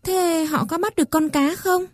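A woman voicing a curious little village boy in a higher, quiet voice. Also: fairly even intonation, normal speed, no room sound, studio quality.

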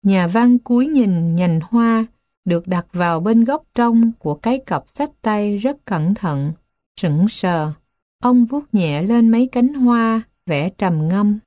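Slow, mellow woman reading children's stories. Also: medium pitch, expressive, dry recording. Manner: slow, gentle storybook reading. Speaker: storyteller. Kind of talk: scripted narration of children's stories.

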